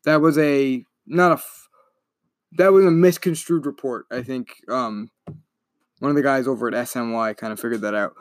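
A man's voice: mid-range voice, normal speed, dry recording, studio quality. A young man hosting a casual solo sports podcast, talking in a rambling, chatty way and often correcting himself. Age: young adult. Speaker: podcast host.

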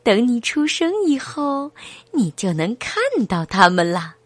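A woman voicing a patient expectant mother who speaks softly and gently. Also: a little high, big pitch swings, unhurried, dry recording. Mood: gentle.

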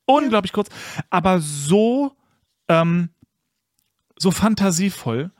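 A man's voice: high voice, lively intonation, takes it slowly, no room sound, studio quality. A man co-hosting a podcast in casual chat, who gushes enthusiastically and often restarts his sentences. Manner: enthusiastic, gushing; hesitant, with many restarts. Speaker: podcast co-host. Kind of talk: casual chat and storybook read-aloud.

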